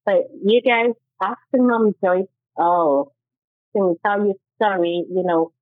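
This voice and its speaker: A guest author whose first language is Haitian Creole gives personal testimony in an interview, earnest and halting, often restarting. Her voice is mid-range, and the dry recording sounds tinny, like a phone line.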